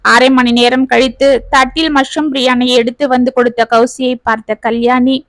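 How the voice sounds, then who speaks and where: A woman narrating a family story in a steady, plain storytelling voice. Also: high voice, normal speed, no room sound.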